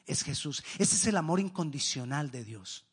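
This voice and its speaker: Male preacher, high and husky, reading scripture and asking his own questions. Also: expressive, normal speed. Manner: reads scripture aloud, then asks and answers questions. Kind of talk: sermon with Bible reading.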